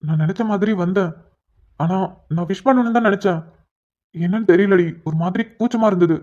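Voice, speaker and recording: A woman playing a shy young cartoon husband, soft-spoken, gently teasing, mid-pitched, dull lo-fi sound. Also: a little fast, close to an everyday voice. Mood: pleading. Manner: soft, apologetic then playfully teasing. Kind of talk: cartoon dialogue voice acting. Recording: dull lo-fi recording.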